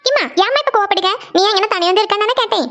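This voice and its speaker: A woman's voice: very high-pitched, racing, a bit bright. A woman voicing a caring teenage daughter in a cartoon, coaxing and reassuring her mother. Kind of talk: cartoon voice acting.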